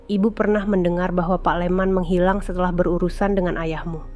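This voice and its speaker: A woman voicing a sorrowful mother who confides gravely in her son in a horror story. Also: on the low side, little pitch movement, a little fast, a little mellow, soft background music, close to an everyday voice.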